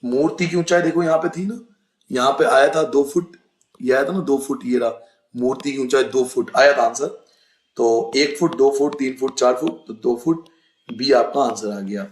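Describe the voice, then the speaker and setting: Teacher man, echoey room. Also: mid-range voice. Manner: explains patiently, repeats key points, reads passages aloud slowly. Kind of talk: exam-prep lesson.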